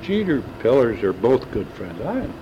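A lo-fi tape with heavy hiss captures a man in his seventies, sitting in a large banquet room, rambling through memories for an informal oral-history interview. He speaks at normal speed in a medium-pitched, sing-song voice, frequently stalling as he hunts for names.

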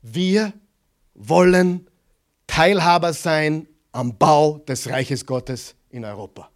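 High-voiced pastor preaching. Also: male voice, takes it slowly. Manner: asks the audience questions and answers them himself; swings between loud stressed phrases and quiet asides. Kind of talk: sermon.

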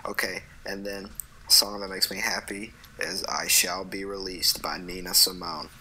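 A man's voice: sits low, level tone, normal speed, pushed and bright, slight background noise. A young man co-hosting a podcast over a voice call, blunt and dry, teasing the others. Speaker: podcast co-host. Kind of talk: casual chat.

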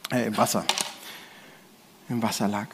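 A man's voice: lowish voice, flat delivery, normal speed, background noise. A man preaching a casual sermon to a gathered audience, in slangy everyday speech with restarts and self-corrections. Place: church hall with audience.

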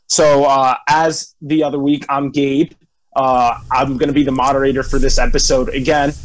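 A man's voice: mid-range voice, level tone, normal speed, low-quality recording. A young man hosting and moderating a podcast in a casual, conversational way.

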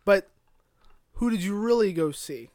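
A young man hosting a podcast, chatting casually in a rambling, joking way and sometimes getting loud. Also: high voice, expressive, measured pace, no room sound. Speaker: podcast host. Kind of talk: casual chat.

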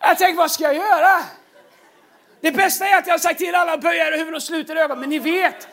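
High-pitched male preacher, animated storyteller, stumbles through fillers and laughs mid-sermon. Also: a faint crowd. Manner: animated, breaks into laughter, frequent fillers and repeated words. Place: large church stage.

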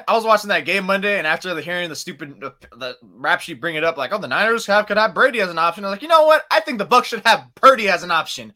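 Fast-talking bright young man in his twenties. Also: high-pitched, lively intonation. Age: 20s. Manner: fast, loose, lots of "like" and laughter. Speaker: podcast co-host. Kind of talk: casual sports talk.

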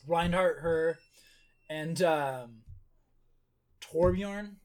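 A man's voice: fairly high pitch, extremely slow, a little mellow. A man co-hosting a casual gaming podcast, rambling with frequent fillers. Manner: rambling, frequent "um", laughs easily. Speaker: podcast co-host. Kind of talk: casual chat.

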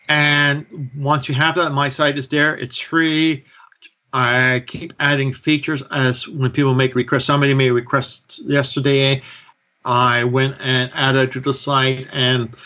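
A man, a podcast guest, explaining his free microbiome website in earnest detail with frequent "um"s, heard over a low-quality remote audio stream. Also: pushed and bright. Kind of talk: explaining in an interview. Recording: muffled lo-fi remote call audio.

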